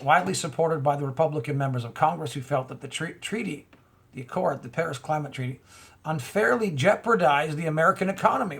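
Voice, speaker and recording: A man's voice: on the high side, gravelly, breathy edge. A man reading news items aloud and firing back with mocking, heated asides in casual commentary. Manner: reads news lines then rants back with mocking asides.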